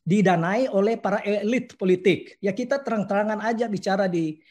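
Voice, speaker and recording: A man's voice: high-pitched, a little fast, darkish tone. A man speaking as a guest in a live video call discussion, earnest and outspoken, making long statements. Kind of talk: earnest opinion talk.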